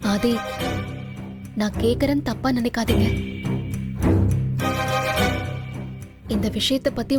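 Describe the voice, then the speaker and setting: An actress playing a devoted young wife in a TV serial, tearful and pleading, speaking. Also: female voice, a little high, natural voice. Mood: earnest. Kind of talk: TV serial acting.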